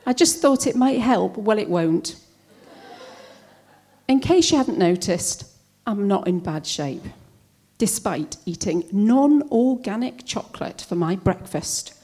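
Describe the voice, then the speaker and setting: A woman's voice: mid-range voice, expressive, takes it slowly, mellow. A woman performing a spoken-word poem with a wry, pointed delivery. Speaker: poet.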